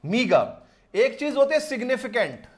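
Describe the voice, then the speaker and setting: A man's voice: very high-pitched, sing-song, moderate pace. A man teaching an exam-prep vocabulary lesson in Hindi mixed with English, drilling each word by asking and answering himself again and again. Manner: drills words by repeated call and answer.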